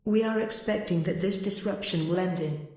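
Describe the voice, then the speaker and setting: A woman reading automated transit announcements over a station intercom, in flat, even recorded phrasing. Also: on the low side, normal speed. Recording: very echoey station PA.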